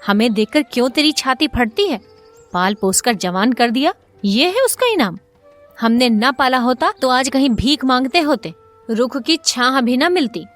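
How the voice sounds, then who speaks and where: A fiery village wife with a sharp tongue, voiced by a woman narrator. She shrieks high and loud in a scolding, insulting storybook voice, with faint music behind her. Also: animated, normal speed. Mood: furious. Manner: shrill, scolding, hurling insults.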